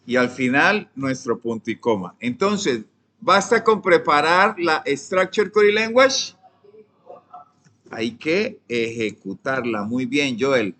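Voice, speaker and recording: A young man with a Colombian accent, teaching a programming class, dictating code and quizzing his students, often trailing off softly. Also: mid-range voice, animated, slow pace. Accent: Colombian Spanish. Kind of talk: live coding lesson.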